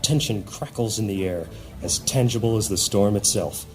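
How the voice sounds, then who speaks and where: A man's voice: fairly low pitch, moderate pace, a little mellow, soft background music. A man narrating a scripted fantasy audio drama in a solemn, descriptive manner.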